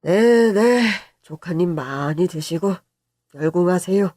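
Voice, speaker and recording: Woman doing a gruff, joking uncle. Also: lowish voice, animated, slow pace, mellow, no room sound, studio quality. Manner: gruff, blustering and playful. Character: gruff, joking, kind-hearted middle-aged uncle.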